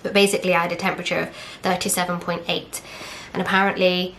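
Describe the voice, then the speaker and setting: Young English woman vlogger, chatty and candid, low flat delivery, slight hiss behind. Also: quick pace. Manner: candid, chatty, retells with quoted dialogue and fillers. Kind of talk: casual storytelling.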